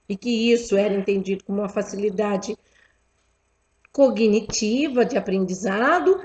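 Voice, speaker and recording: A woman, lecturing teachers in a deliberate way and checking in with rhetorical questions. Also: a little high, darkish tone. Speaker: teacher educator. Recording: dull lo-fi recording.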